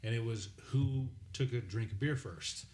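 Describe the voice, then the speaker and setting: A man's voice: medium pitch, normal speed, reverberant, a crowd in the background. A man, a guest barber, telling a competitive eating story in casual podcast chat.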